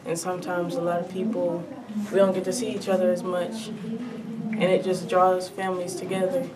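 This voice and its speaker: A woman giving a plain, even answer in a casual interview. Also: on the low side, normal speed. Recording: distant mic, loud background noise.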